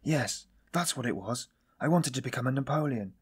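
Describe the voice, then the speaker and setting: In audiobook dialogue, a man with a mid-range, slightly rough voice and lively intonation plays a weary, self-loathing character. His confession comes out brooding, bitter and halting.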